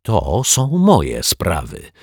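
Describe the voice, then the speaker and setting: A man reading an audiobook, voicing a calm, firm male detective who looks after children. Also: low-pitched, unhurried, gravelly, no echo, clean studio sound, exaggerated voice. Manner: firm, matter-of-fact. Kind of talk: audiobook character voice.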